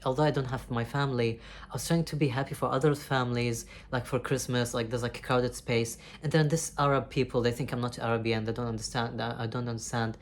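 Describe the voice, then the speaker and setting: Rambling, heartfelt vlogger, mid-pitched voice. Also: flat delivery, fast talker, a little hiss or hum. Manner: rambling and heartfelt, with frequent swearing and restarts. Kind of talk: candid confessional monologue.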